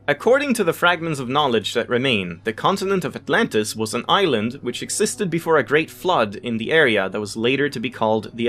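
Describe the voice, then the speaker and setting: Game music plays under a man's medium-pitched, fairly bright voice as he hosts a let's play. He reads in-game text out loud, tosses in casual comments, and occasionally fumbles an unfamiliar word before correcting it.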